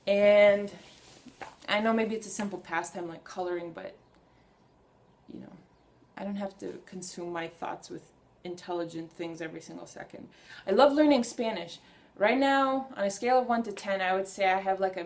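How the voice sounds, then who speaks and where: This young woman, a native Hungarian speaker, has a medium-pitched voice at normal speed. Talking to camera in a laid-back personal vlog, she's earnest and enthusiastic, rambling a bit and often beginning sentences again.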